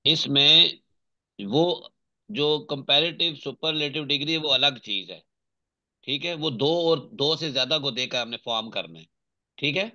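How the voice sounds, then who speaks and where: Man, English teacher, patient, repeats points, checks understanding, crisp bright tone. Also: medium pitch, unhurried, lo-fi sound. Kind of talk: online English grammar lesson.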